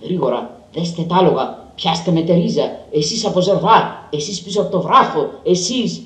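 A man reading as a gruff smuggler captain barking orders. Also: on the high side, a little mellow, pitched above the performer's own voice, close to an everyday voice. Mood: urgent commands. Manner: commanding, clipped. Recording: roomy and distant.

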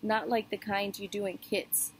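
A woman's voice: medium pitch, little pitch movement, moderate pace, slight background noise, close to an everyday voice, poor audio. A woman voicing a sarcastic ten-year-old schoolboy who asks blunt, sneering questions. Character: snide, sarcastic boy classmate, about ten.

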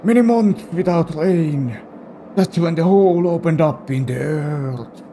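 A man voicing an old grandfather bound to a monstrous creature, speaking slowly and solemnly. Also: fairly high pitch, dark tone, slight background noise. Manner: slow, solemn old-man voice reading game dialogue.

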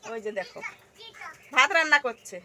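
A woman's voice: sits high, expressive, normal speed, bright, forceful tone. A woman narrating a family vlog outdoors at her rural home, talking chattily to viewers she calls friends. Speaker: family vlogger. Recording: noisy outdoor phone recording.

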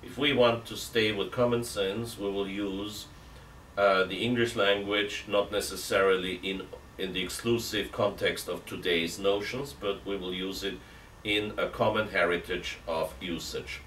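A man's voice: low-pitched, fairly even intonation, a little slow, a bit bright. A middle-aged man, a priest, giving a seated catechism talk, reasoning aloud with emphatic rhetorical questions and gesturing with both hands. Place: indoor room with armchair. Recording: roomy, distant from mic, faint hiss.

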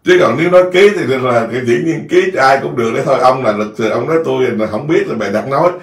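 A Buddhist monk with a Southern Vietnamese accent tells a rambling story during an informal dharma talk, often repeating words. His medium-pitched voice is expressive and quick, recorded from a distant mic in an echoey room.

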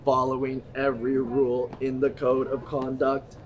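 A teenage boy acting in a student film, playing a bored, cheeky high school student with a slouchy, dismissive way of talking. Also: completely flat delivery, normal speed, highs cut off, close to an everyday voice. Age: teens. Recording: amateur school video with faint hiss.

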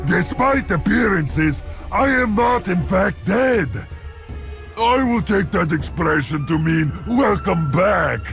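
Pompous, very gravelly orc servant. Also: male voice, high voice, animated, slow pace, a bit bright, faint music behind, full character voice. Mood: proud devotion. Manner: pompous, formal. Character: devoted undead-seeming male orc servant, pompous.

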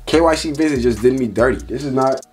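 A man's voice: mid-range voice, fast talker, a little mellow, faint music behind. A young man reviewing a clothing haul in a casual, slangy, profane way, his voice jumping up when he gets upset. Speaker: haul vlogger.

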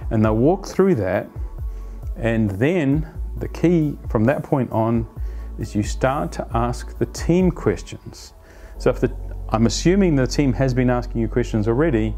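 A man in his fifties explaining a team planning practice to camera as an agile coach, conversational and animated, on a lapel mic in a plain studio. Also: mid-range voice. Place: plain studio against a light wall.

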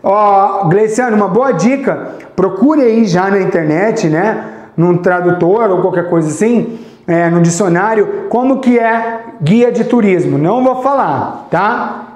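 A Brazilian man teaching English on a live stream, chatty and encouraging, slowly repeating example phrases. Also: high voice, darkish tone, reverberant. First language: Portuguese. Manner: sings snippets of songs to teach. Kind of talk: live online English lesson.

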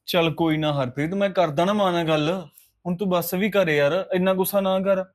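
A placating young husband from a drama film, played by a man, who coaxes his upset wife and keeps repeating reassurances. His voice sits somewhat high for a man. He speaks in an everyday, gentle tone. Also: fairly even intonation, brisk, natural voice. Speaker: actor in a short film.

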